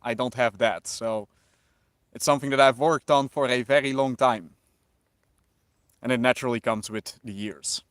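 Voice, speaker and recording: In studio-quality audio with no room sound, a man from the Netherlands talks to his livestream audience in a medium-pitched, clear, resonant voice. He keeps a normal pace with long pauses, reading chat aloud and mulling over replies in a light Dutch accent, relaxed throughout.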